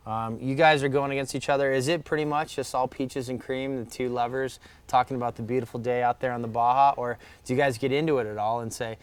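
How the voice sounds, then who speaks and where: A man's voice: mid-range voice, steady tone, fast, few pauses, clear, resonant tone. A man hosting a live show, reading viewer questions and teasing his guest in a casual way. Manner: joking, teasing.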